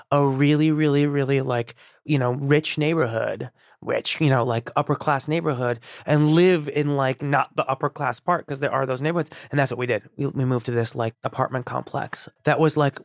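Appearing as an interview guest, a man raised in Iran whose first language is Persian tells his story candidly and ramblingly, with many restarts and fillers, and he laughs easily. His voice is medium-pitched, recorded at studio quality with no room sound.

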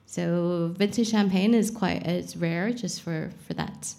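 A woman's voice: on the low side, takes it slowly, gravelly, mellow. A young adult woman, a champagne expert guest on a live podcast, explaining frankly and casually, swearing now and then. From Saudi Arabia.

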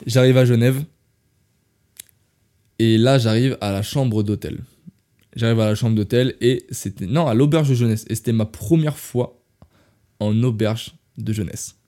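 A young Frenchman with a mellow, medium-pitched voice rambles through travel stories on a casual podcast. He keeps restarting and correcting himself, and he talks right to his listeners, calling them "les gars."

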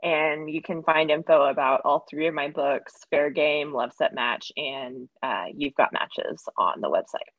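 A woman's voice: deep voice, unhurried, few pauses, no echo, narrow, tinny audio. A woman author guesting on a podcast, talking casually with lots of fillers. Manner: relaxed, filler-heavy plugging.

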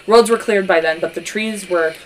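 A young adult woman co-hosting a podcast, telling stories in a casual, profane, animated way into a podcast microphone. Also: mid-range voice, normal speed, a little hiss or hum. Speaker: podcast co-host. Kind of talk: casual chat.

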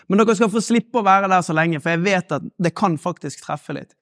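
A man giving a live motivational talk to an audience, leading a guided exercise with slow, measured pauses. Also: sits high, a bit bright, no echo, clean studio sound. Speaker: motivational speaker.

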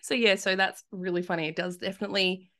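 A woman's voice: medium pitch, quick pace. Aussie woman spinning a funny story on a podcast, laughs a lot, easygoing. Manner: animated storyteller, laughs often. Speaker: podcast guest. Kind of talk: casual storytelling chat.

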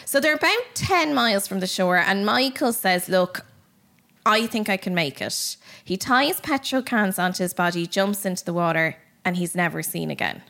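A woman's voice: mid-range voice, moderate pace, creaky, hardly any pauses. Chatty woman telling a story. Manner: animated, chatty, lots of fillers. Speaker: podcast host. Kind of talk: casual storytelling chat.

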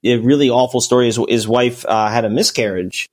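A man's voice: medium pitch, fairly quick. A man co-hosting a casual sports podcast, talking at length with frequent restarts and filler words. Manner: rambling, full of restarts and "you know". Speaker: podcast co-host. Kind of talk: casual chat.

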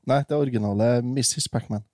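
A man's voice: mid-range voice, mellow, no echo, studio quality. A man chatting casually as co-host of a podcast. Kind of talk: casual chat.

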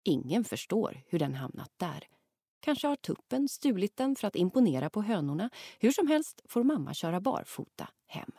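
A woman narrating a children's audiobook, reading lively and acting out the lines. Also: medium pitch, slightly rough, dry recording, clean studio sound. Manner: lively, acts out the characters' lines.

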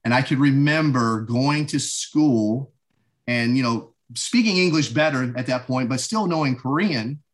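A man in his forties from the United States speaks reflectively as a guest in a casual interview, often saying "you know." His mid-range voice moves at a measured pace.

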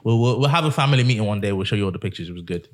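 A man's voice: fairly low pitch, animated, racing, music in the background. A young man from the United Kingdom hosting a casual podcast chat with his mother, telling stories and laughing often. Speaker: podcast host.

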